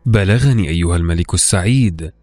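A man's voice: deep voice, fast, a little mellow. A man reading a scripted classical folktale as a formal, literary storyteller. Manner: formal literary storytelling, acting out quoted dialogue. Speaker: storytelling podcast narrator. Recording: dry recording with music underneath. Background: music.

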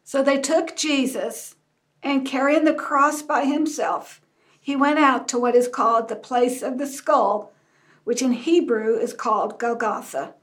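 A woman reading a Good Friday scripture passage and leading prayers in a slow, gentle, reflective way. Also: high-pitched, poor audio.

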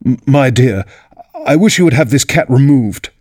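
A man's voice: medium pitch, expressive, moderate pace, a little mellow, no echo, voice pushed up, lightly acted. A man reading aloud voices a timid, fussy king who stammers.

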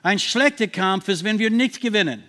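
High-voiced man preaching emphatically. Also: animated, a bit bright. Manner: emphatic, slows down to stress Bible verses; repeats and restarts when searching for words. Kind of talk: sermon with Bible readings.

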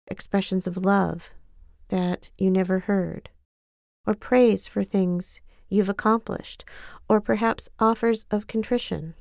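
A woman narrates a guided exercise with a compassionate, gentle touch. Her voice is mellow and relaxed, with a noticeable creak, and she takes her time. The sound is close and very dry. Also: medium pitch, dry recording. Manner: gentle, compassionate, unhurried coaching. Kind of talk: scripted guided self-care exercise narration.

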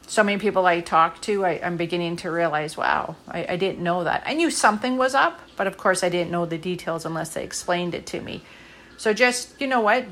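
A middle-aged woman who hosts a podcast, speaking in an earnest, rambling way with lots of fillers and pauses in a casual, heartfelt monologue. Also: lowish voice, a bit bright. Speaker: podcast host.

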